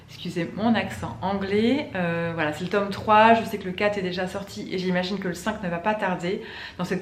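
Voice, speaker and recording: A woman book vlogger chatting casually to camera about her reading plans, with frequent fillers and restarts. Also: mid-range voice. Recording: echoey room with faint ambient noise.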